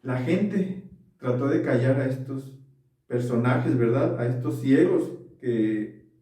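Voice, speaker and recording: Warm in tone, medium in pitch, and lively in intonation, this pastor preaches at a slow pace, earnestly making sure his audience keeps up and frequently seeking their agreement. He's recorded from a distance in a room with echo.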